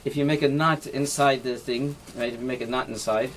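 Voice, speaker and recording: A rabbi talks a small class through an informal lesson, showing knots with his hands as he explains each step. He keeps checking in with "right?" and drops Hebrew and Yiddish terms into his English. There is a faint hiss behind his middle-pitched voice. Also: fairly even intonation, fairly quick, fairly bright tone. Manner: demonstrates knots with his hands while talking. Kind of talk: informal halacha lesson with demonstration.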